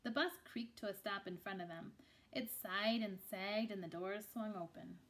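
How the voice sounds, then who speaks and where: A woman in her thirties reads a children's picture book aloud. Her voice sits at a middle pitch, and she tells the story in a read-aloud manner in a small room. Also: moderate pace, a bit bright.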